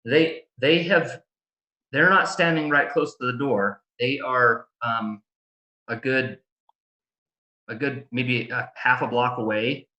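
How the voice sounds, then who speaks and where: A man narrating a tabletop game as game master, improvising and pausing mid-phrase. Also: mid-range voice, steady tone, bright, forceful tone, highs cut off. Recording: echoey room.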